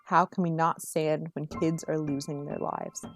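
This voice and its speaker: A woman performing spoken word slam poetry in an earnest, rhythmic, rhyming delivery with measured phrases. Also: sits low, little pitch movement, soft background music.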